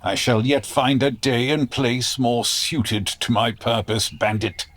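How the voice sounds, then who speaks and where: A man's voice: medium pitch, fairly even intonation, slow, fairly bright tone. A man playing a haughty, blustering villainous sheriff in a comedic audio drama, speaking in pompous archaic English with threats. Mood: menacing, haughty.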